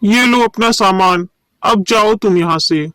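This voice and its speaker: A man's voice: high voice, measured pace, sharp tone, clear, resonant tone, no echo. A man voicing a stingy middle-aged village shopkeeper in a cartoon who hesitates and stammers when he gives in. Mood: grudging. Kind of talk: cartoon voice acting.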